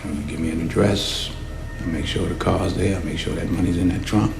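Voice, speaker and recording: An actor playing a proud, menacing crime boss in a film drama, talking in a cocky, streetwise, confrontational way. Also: male voice, low-pitched, fairly even intonation, a little fast, gravelly. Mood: challenging, scornful. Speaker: crime boss under interrogation. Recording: echoey room with music underneath.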